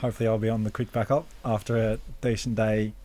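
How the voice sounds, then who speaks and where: An Australian man hosting a racing podcast in relaxed, informal chat. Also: fairly low pitch, fast.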